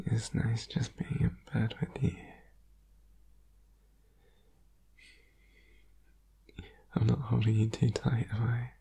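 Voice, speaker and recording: A man playing a needy, sleepy, affectionate boyfriend in an ASMR whispered role-play, tender and clingy, with a husky, creaky whisper. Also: mid-range voice, flat delivery, mellow, full character voice. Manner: slow, tender, clingy, soothing. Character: needy, sleepy, affectionate boyfriend cuddling his partner in bed.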